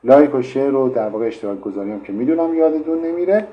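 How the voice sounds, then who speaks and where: A man's voice: medium pitch, expressive, dull audio. A man teaching English pronunciation in an online lesson, explaining patiently with frequent fillers. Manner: explanatory, many fillers like "in fact".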